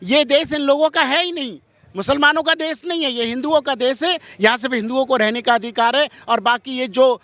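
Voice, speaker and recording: In a dry recording, a man speaks fairly quickly at an extremely high pitch, his voice pushed and bright. Voicing a religious figure being interviewed on the street, he's impassioned and combative, rattling off strident rhetorical questions.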